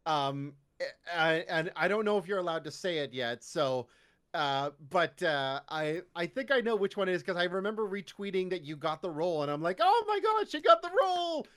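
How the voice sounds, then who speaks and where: A Canadian man with a high, slightly bright, sing-song voice chats casually as a podcast guest in an interview at normal speed. He is animated and slips into mock voices whenever he quotes people.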